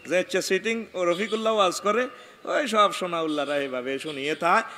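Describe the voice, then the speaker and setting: Man, Bangladeshi Bengali dialect, preacher, sermon with singing, forceful bright voice, slightly high, faint background hiss. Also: brisk. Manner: animated storytelling, acting out dialogue, bursts of loud exclamation. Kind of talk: Islamic sermon with sung passages.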